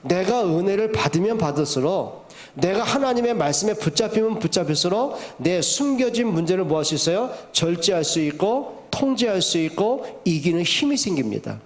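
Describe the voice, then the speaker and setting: A man's voice: sits high, big pitch swings, moderate pace. A middle-aged male pastor preaching a sermon, asking the congregation rhetorical questions and repeating his key points for emphasis.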